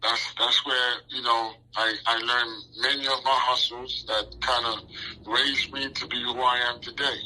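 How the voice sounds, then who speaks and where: A man in his forties, born in Haiti, talks through his answers in a loose, rambling way. He leans on frequent fillers and restarts. His voice is very bright and tense, at a middle pitch. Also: flat delivery, a little slow, slight background noise, poor audio. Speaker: interview guest. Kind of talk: casual interview talk.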